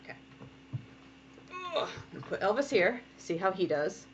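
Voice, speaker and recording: A chatty woman walks through a drawing lesson from her home workspace, giggling often and breaking off to scold her pets. Her voice sits at an ordinary middle pitch. The recording is slightly dull and lo-fi, with a faint hiss behind her. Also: lively intonation, normal speed. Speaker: cartoonist teaching a draw-along. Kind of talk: casual drawing tutorial.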